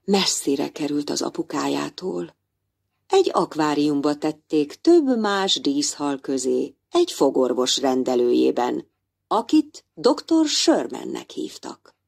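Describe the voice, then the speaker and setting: A woman reading a children's storybook aloud as narrator, in an expressive storytelling manner. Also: sits low, gravelly, breathy edge.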